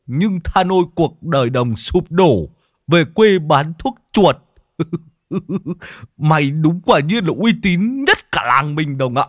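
A man's voice: on the high side, lively intonation, slow, no echo, clean studio sound, voice pushed up. A man voicing a sly, bearded old man who mocks a friend. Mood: mocking. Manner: teasing, mocking.

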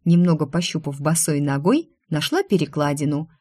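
Woman reading a fantasy audiobook, lowish voice, dry close sound, wry and lively. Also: moderate pace, breathy edge, no echo. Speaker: audiobook narrator. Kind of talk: first-person fantasy narration.

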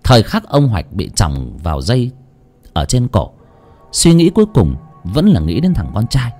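A man's voice: fairly low pitch, very animated, moderate pace, mellow, faint music behind. A man narrating an audiobook story dramatically.

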